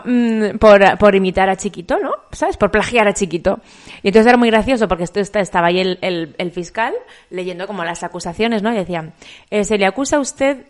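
A woman in her forties with a Castilian Spanish accent, telling anecdotes in casual, colloquial and expressive chat. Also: medium pitch. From Spain. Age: 40s. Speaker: co-host.

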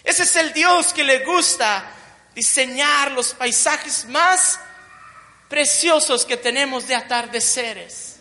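A woman's voice: high-pitched, slow, bright, forceful tone. A woman preaching a sermon, building emphatic repeated phrases and tossing in joking asides. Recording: long reverb of a large hall.

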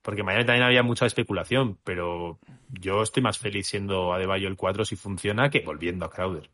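This podcast co-host speaks in a low, sharp voice at a quick clip. Working through his views aloud, he hesitates a lot and keeps starting over in a musing way.

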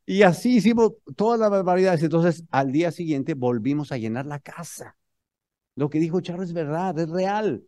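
A man with a Mexican accent telling a humorous story to an audience in an animated, motivational speaking style. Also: a little high, no room sound, studio quality.

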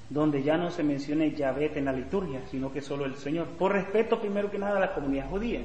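A man leads a parish Bible class, explaining patiently and repeating key phrases, sometimes acting out the dialogue he quotes. His voice sits fairly high for a man. He is recorded in an echoey church hall with a long reverb tail. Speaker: Bible course teacher. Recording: echoey hall, faint background noise.

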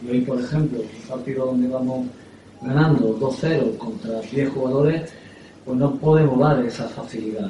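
A man, a football coach, answering at a press conference in a halting way, often repeating words and filling pauses with "eh". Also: medium pitch, warm tone, slight background noise. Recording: echoey room, distant mic.

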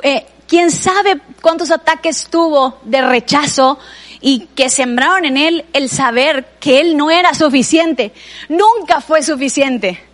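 High-voiced Mexican woman preaching. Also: slow pace. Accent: Mexican Spanish. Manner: conversational preaching with asides to the listener. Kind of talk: sermon.

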